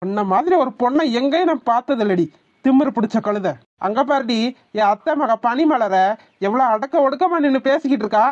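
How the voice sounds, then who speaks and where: A woman's voice: high voice, lively intonation, a little fast, a little mellow, dull audio. A woman voicing a cocky young village man in a cartoon, taunting and sulky. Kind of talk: cartoon voice acting.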